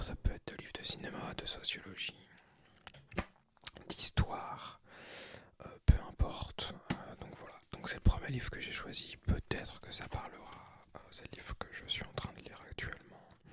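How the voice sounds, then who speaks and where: A person of unclear sex whispering softly and breathily, as in a library, in an ASMR book reading. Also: normal speed. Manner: soft, hushed library whisper. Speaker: ASMR creator reading aloud.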